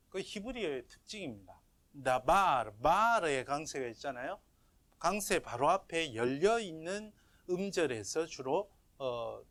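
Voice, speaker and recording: A middle-aged man teaching a grammar lecture online, patient and checking in with his listeners as he explains. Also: on the high side. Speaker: professor teaching Biblical Hebrew.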